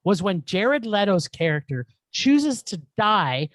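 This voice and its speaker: A woman's voice: mid-range voice, sing-song, slow, no room sound. A woman co-hosting a film podcast, ranting with exasperation and plenty of swearing. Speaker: podcast co-host. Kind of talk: casual film review chat. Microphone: studio mic.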